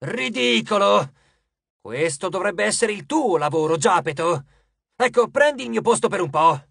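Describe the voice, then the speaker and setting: A man voicing a boastful, hot-tempered male Titan lord of dawn in an audiobook, raised and drawn out, often shouting. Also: high-pitched, lively intonation, moderate pace, gravelly, slightly rough, no room sound, studio quality, exaggerated voice. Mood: indignant.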